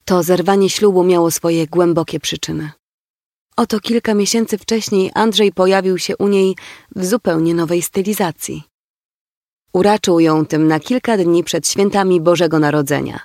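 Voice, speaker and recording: A man narrating a novel in a steady storytelling manner. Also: high voice, vocal fry, no echo, studio quality. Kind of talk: audiobook narration.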